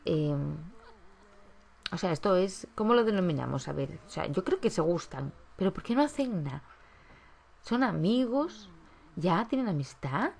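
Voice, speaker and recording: A woman's voice: fairly low pitch, expressive, measured pace, vocal fry, long pauses, darkish tone. A woman giving chatty gameplay commentary, coaxing the characters on screen as she plays. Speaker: gaming YouTuber.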